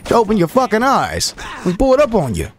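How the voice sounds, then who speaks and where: A young man swearing, trash-talking and shouting at characters while commentating his gameplay. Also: sits high, wildly swooping pitch, a little fast, slight background noise. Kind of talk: profane running commentary over gameplay.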